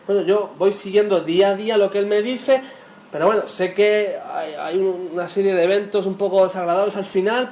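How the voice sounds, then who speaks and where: Put-on role: a bewildered, rambling man with a pitched-up voice, done by a male preacher. Echoey room, faint noise. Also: lightly acted. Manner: rambling, hesitant, high and animated. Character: puzzled, unsure grown man, mock-innocent.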